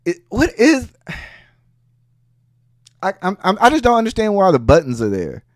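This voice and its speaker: A man's voice: high voice, huge pitch swings, measured pace, no echo, studio quality. A man hosting a podcast, giving heated casual commentary in a profane, mocking way. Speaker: podcast host.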